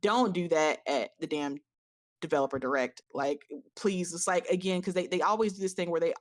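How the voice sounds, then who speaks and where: A woman hosting a casual gaming podcast, ranting in an animated, exasperated way with stammered, repeated phrases. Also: on the low side, fairly quick, dry recording, clean studio sound. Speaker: podcast host.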